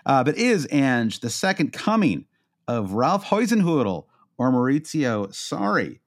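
A man's voice: medium pitch, sing-song, measured pace. A man with a Midwestern accent co-hosting a casual football podcast, rambling and joking with lots of fillers and restarts. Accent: American Midwestern. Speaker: podcast co-host.

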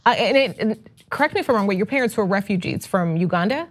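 An upbeat woman hosts a political interview, her pitch moving a lot from line to line. She asks her questions with small hesitant restarts and keeps the talk moving. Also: lively intonation, fast. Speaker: fill-in show host.

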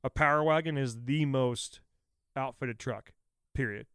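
A man's voice: mid-range voice, a little slow, fairly bright tone, smooth, dry recording. Male co-host, frat-bro talker, slangy and sweary, clean resonant voice, dry sound. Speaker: talk show co-host. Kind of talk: casual chat with ranting.

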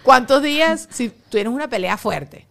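A woman hosting a casual chat, animated and teasing, laughing often. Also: sits high, normal speed, gravelly. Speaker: podcast host.

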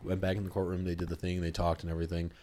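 A young man casually telling a story on a podcast, animated and swearing freely, acting out the voices of people he quotes. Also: low voice, racing, a little hiss or hum.

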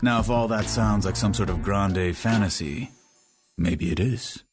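Male narrator, dreamy fast-food spot, low voice with music. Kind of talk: dreamy scripted commercial.

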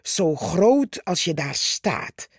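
A woman's voice: lowish voice, big pitch swings, extremely slow, breathy edge, no echo, clean studio sound, full character voice. A woman doing a tiny cheeky red ant. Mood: defiant. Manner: defiant, proud. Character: small brave female red ant, cheeky.

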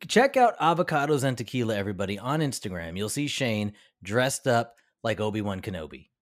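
A man's voice: fairly low pitch, big pitch swings, fairly quick. A man co-hosting a podcast, joking and teasing in casual chat. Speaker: podcast co-host.

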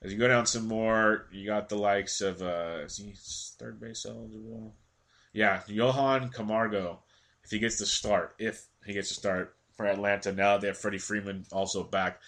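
Congested male host, low-ish voice, quick casual delivery of stats with a ranting streak. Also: steady tone, a bit bright. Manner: quick stat-heavy delivery, ranting at times. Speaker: fantasy baseball analyst. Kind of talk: casual daily picks rundown.

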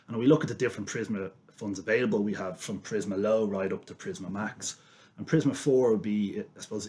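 A man giving measured, formal explanations as an investment expert on a finance podcast. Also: lowish voice, darkish tone, a little hiss or hum.

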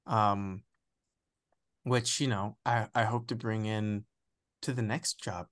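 A young man from the United States, an actor giving a candid, reflective interview, often pausing and restarting as he searches for words. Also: on the low side, steady tone, fairly bright tone.

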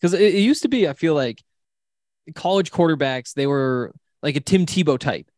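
A man's voice: on the high side, animated, normal speed, darkish tone, no room sound, clean studio sound. A man giving his opinions in casual, conversational sports talk as a podcast panelist.

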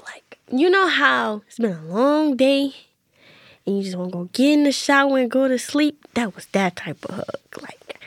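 A young woman telling a personal story in casual conversation, often quoting herself in a hushed voice. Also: a little high, no room sound, clean studio sound. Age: young adult. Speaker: interview guest.

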